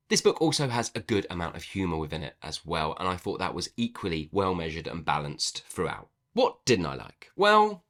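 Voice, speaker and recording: A man with a low voice that swoops up and down a lot, talking through a casual book review. He is playful and animated, and pokes fun at himself. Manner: animated and playful, self-mocking asides.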